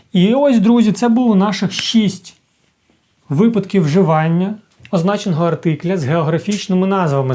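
A man's voice: on the high side, a little mellow. A man who teaches English, explaining a grammar point step by step and checking in with viewers as he goes. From Ukraine. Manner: talks to viewers directly, with many fillers and "так?" checks. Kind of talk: explanatory lesson, thinking aloud.

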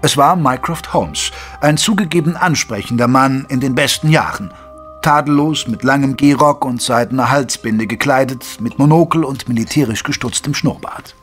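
Actor as measured storyteller Doctor Watson, music behind. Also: male voice, mid-range voice, a bit bright, lightly acted. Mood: composed, descriptive. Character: gentleman doctor recounting his detective friend's cases. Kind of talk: scripted first-person radio play narration.

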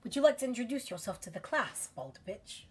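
A woman's voice: a little high, very animated, a little fast, husky, voice pushed up. Woman putting on a sunny British teacher. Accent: put-on British. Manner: bright, sunny, overly friendly. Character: cheerful adult male British schoolteacher.

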